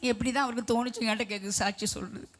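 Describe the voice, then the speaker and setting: A middle-aged woman preaching a testimony sermon with fervor, swelling into loud emphatic declarations and sometimes singing hymn lines. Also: a little high, fairly even intonation, very fast. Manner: breaks into sung hymn lines.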